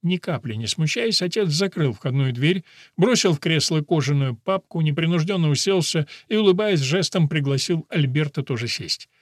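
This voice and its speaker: A man's voice: a little high, animated, moderate pace, dry recording. Male audiobook narrator, dry studio sound. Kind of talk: scripted narration.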